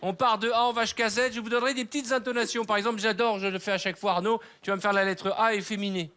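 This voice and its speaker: A man hosting a TV game show, giving brisk instructions. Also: high-pitched, steady tone, sharp tone.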